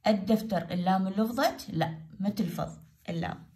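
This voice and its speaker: A woman teacher with an Iraqi Arabic accent, giving a grammar lesson to primary pupils. She goes slowly, repeats each example word and asks questions that she answers herself. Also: medium pitch.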